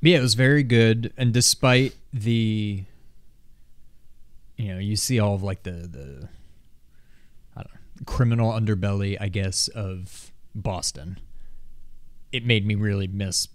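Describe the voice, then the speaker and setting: A man co-hosting a podcast, chatting casually with halting, hesitant phrasing. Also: fairly low pitch, no room sound. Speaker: podcast co-host. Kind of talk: casual chat.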